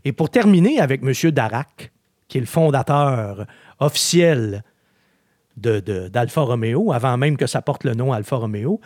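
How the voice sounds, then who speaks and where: A man hosting a podcast, telling history in a lively, chatty way with filler words. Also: mid-range voice, moderate pace, no echo, clean studio sound. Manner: chatty storyteller, animated, with frequent filler words. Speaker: podcast host. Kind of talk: casual podcast chat.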